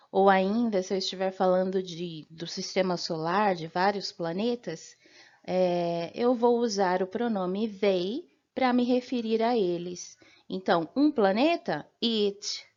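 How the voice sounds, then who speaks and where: A woman's voice: mid-range voice, highs cut off. A woman with a Brazilian Portuguese accent teaching a beginner language lesson, patiently explaining and checking in with frequent "ok?"s. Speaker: English teacher.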